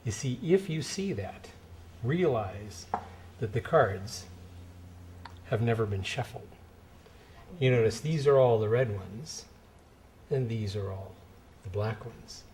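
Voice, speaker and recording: A man's voice: mid-range voice, animated, slow pace, pauses often, a little mellow, a little hiss or hum. A middle-aged man delivering conversational card magician patter with a playful showman's touch, demonstrating to spectators. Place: indoor studio set at a card table.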